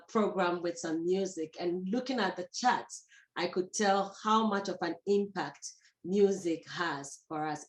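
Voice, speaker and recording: A woman hosting a virtual foundation event, introducing guests with frequent pauses and fillers. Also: fairly low pitch, echoey room, rough recording. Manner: warm, halting, many fillers. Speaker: host.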